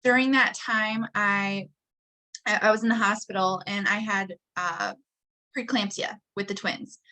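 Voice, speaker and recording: Speaking unhurriedly in a steady, medium-pitched voice that sounds pushed and bright, a woman in her late twenties from Wisconsin recounts personal stories as an interview guest. She's an entrepreneur who speaks earnestly, laughs often and keeps restarting sentences, and the audio is rough.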